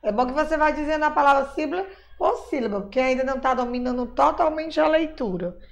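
With a high-pitched, expressive voice, a primary school teacher from Brazil guides young children through words one stretched-out syllable at a time. She is patient, speaks in diminutives, and calls herself auntie.

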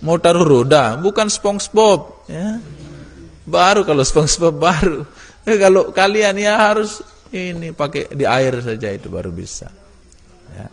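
A male religious teacher giving a lively classroom lesson, teasing and urging his students on. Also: a little high, a little slow, vocal fry. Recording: long hall reverb.

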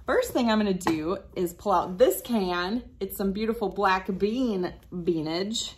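An unhurried, mid-range female voice carries a slight hiss or hum. The woman, in her thirties, reads aloud from a science book and demonstrates for children, speaking encouragingly straight to young viewers. She is in a small wood-panelled room next to a window, and a device camera at about arm's length picks her up.

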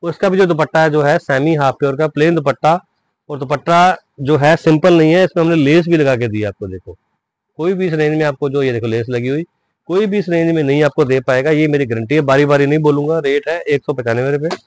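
A man giving an insistent teleshopping-style sales pitch as a wholesale seller showing his stock. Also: quick pace, a little mellow. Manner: insistent selling, repeating prices and urging orders. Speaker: wholesale ladies' suit seller presenting stock.

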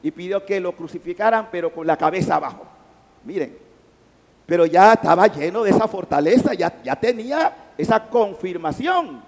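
A male priest with a Panamanian Spanish accent preaching a sermon in a large church, emphatic, with loudness that swells and drops. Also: high voice, animated, moderate pace. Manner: emphatic, rising and falling loudness. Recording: long hall reverb.

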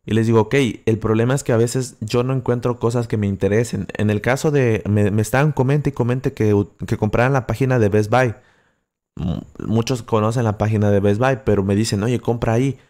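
Relaxed man with coastal Acapulco accent. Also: fairly low pitch, a little fast. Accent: coastal Guerrero Mexican. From Acapulco, Mexico. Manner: relaxed, chatty, many fillers and restarts. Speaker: livestream host answering chat. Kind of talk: casual livestream chat. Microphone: close to the microphone.

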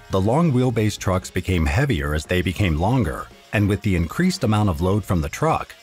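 A man reading a scripted voice-over narration in a steady, informative explainer manner. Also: low-pitched.

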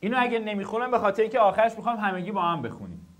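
A young man teaching students how to study, lecturing and speaking to them directly. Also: high voice. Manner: animated, addresses students directly.

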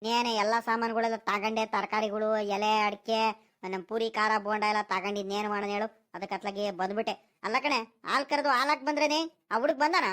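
A woman's voice: mid-range voice, fairly even intonation, moderate pace, fairly bright tone, natural voice. A woman voicing a stingy, fussy old village grandfather in a cartoon, nagging and haggling, with a rural Karnataka Kannada accent. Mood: scolding. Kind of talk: cartoon voice acting.

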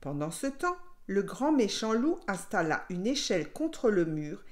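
Lively woman reading a children's story. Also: medium pitch, unhurried. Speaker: teacher reading aloud.

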